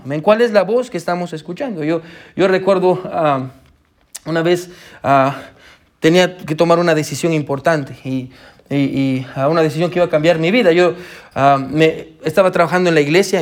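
High-voiced preacher man, halting and repetitive. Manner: halting with many fillers and repeated words, frequent "amén"; addresses the congregation as brother and sisters. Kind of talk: sermon.

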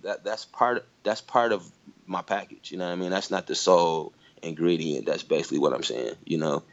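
A brisk man from Michigan, USA, whose voice sits low, chats casually and reflects as he goes. Lots of "you know" and "like" fill his speech, and the recording is lo-fi.

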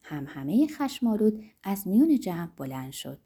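A woman narrating a novel for an audiobook in a dramatic, expressive reading. Her tone is soft and mellow, and her pitch rises and falls widely. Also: husky.

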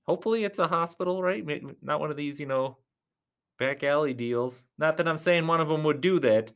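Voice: medium pitch, fairly quick, fairly bright tone, lightly acted. Someone doing a giggly rambling clown announcer. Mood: chatty. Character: goofy clown thumb-wrestling announcer. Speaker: commentator. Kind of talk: comic sports commentary.

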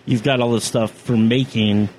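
A man co-hosting a casual chat, excitable and quick to jump in with short reactions. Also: medium pitch. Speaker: podcast co-host. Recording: noisy room with clear background ambience.

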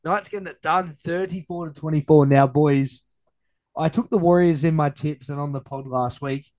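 A man's voice: a little high, moderate pace, darkish tone. An Australian man hosting a sports podcast, casually chatting through match results in a blokey, matey way.

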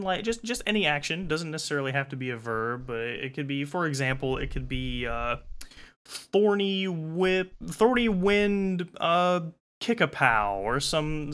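A man's voice: fairly high pitch, pushed and bright. A young man hosting a casual online game show as game master, explaining the rules with loose fillers.

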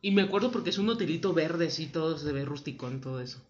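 A young woman with a Mexican accent telling a scary anecdote in casual chat, acting out the voices in her story. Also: fast talker. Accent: Mexican Spanish. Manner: animated storyteller, acts out quotes with big pitch jumps. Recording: dull lo-fi audio.

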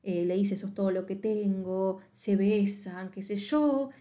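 A woman's voice: mid-range voice, measured pace, warm tone. A young woman with a Rioplatense Spanish accent co-hosting a podcast, talking casually about a film, blunt and sarcastic, swearing freely. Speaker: podcast co-host reviewing a film. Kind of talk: casual chat.

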